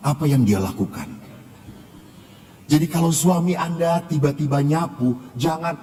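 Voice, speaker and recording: High-voiced man with a Javanese accent preaching. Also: normal speed, mellow. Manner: playful storytelling, acting out quoted voices. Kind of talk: humorous sermon at a revival service. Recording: long hall reverb, faint background noise.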